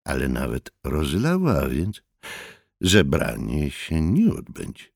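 Man, audiobook narrator, very low, raspy, slow, expressive, dry close mic. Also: no echo. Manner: expressive, measured. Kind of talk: audiobook reading.

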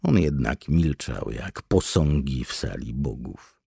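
A man giving expressive, scripted audiobook narration. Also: extremely low pitch, slow pace, gravelly, breathy edge, no room sound, clean studio sound. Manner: expressive storytelling with wide swings.

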